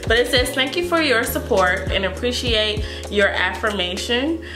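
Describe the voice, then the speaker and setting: Her voice is fairly high and animated, moving at a normal speed, though congested from a cold. This woman beauty vlogger reviews a wig in a chatty, filler-heavy way, full of "like" and "um," and addresses her audience as "you guys." Background music plays in an echoey room.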